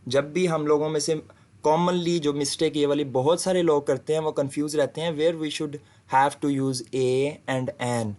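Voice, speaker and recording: A man giving a recorded lesson, reading example sentences slowly and clearly. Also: on the high side, fairly even intonation, darkish tone. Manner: slow, deliberate reading of English example sentences. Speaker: English teacher. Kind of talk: video lecture.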